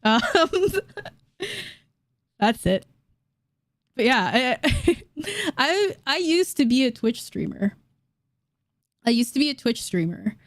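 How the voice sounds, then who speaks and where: A woman in her late twenties reacting to online comments in a casual vlog, blunt and quick to laugh, swearing casually. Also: high voice, big pitch swings, no room sound. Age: late 20s. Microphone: dynamic studio mic.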